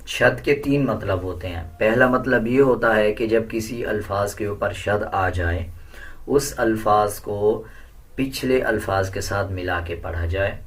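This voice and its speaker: A man teaching how to recite the Quran, explaining the rules calmly and then chanting the verses slowly and melodiously, far louder than his explanations. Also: on the low side.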